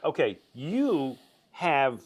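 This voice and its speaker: Animated, jokey male TV co-host. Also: medium pitch, very slow, husky. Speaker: TV show co-host. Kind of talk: casual on-air beer tasting chat. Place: at a bottle shop.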